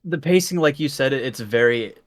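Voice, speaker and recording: Animated, swearing man. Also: mid-range voice, brisk. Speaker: reaction show co-host. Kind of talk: casual chat.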